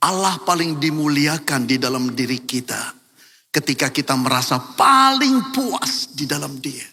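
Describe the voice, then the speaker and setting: An older man preaching a sermon as pastor, telling a story and moving between hushed and emphatic passages. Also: fairly high pitch, animated, unhurried, creaky, husky. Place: large church hall. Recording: long church hall reverb.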